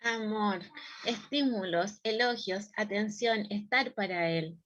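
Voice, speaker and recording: A woman with a Chilean accent gives a calm, explanatory church teaching on parenting and sometimes acts out a child's voice. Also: mid-range voice, slow, muffled recording, slight background noise. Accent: Chilean Spanish.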